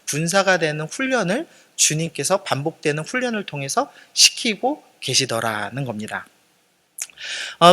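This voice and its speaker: A man preaching a sermon in a lively, rising and falling voice that is bright and forceful. He is earnest and explanatory and puts casual questions to the listeners. A long church reverb trails behind every phrase. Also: sits high. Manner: earnest preaching to a congregation, with conversational asides and questions. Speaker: pastor.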